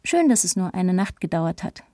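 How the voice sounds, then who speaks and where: A woman voicing a calm young female friend who is expecting a baby, speaking gently and reassuringly in an audiobook. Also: lowish voice, moderate pace, no room sound, clean studio sound.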